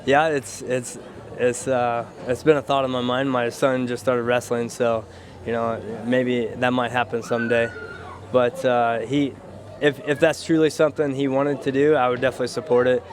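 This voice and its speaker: A man's voice: mid-range voice, level tone, normal speed. A man who is a fighter, answering interview questions casually in a modest, matter-of-fact way. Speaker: professional MMA fighter.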